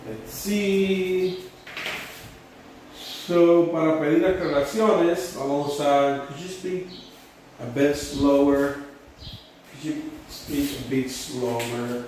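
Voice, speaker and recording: Man, bilingual English teacher, fairly high voice, repeats each phrase, distant mic, faint hum. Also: fairly even intonation, darkish tone, very echoey. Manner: slow, repeats phrases many times. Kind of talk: bilingual whiteboard lesson.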